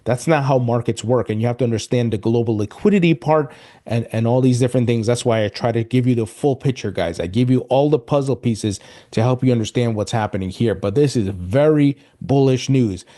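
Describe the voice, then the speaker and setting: A man's voice: medium pitch, a little fast, dark tone. A man hosting a crypto news show, talking casually and upbeat to his viewers and often calling them "guys". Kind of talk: casual commentary to camera.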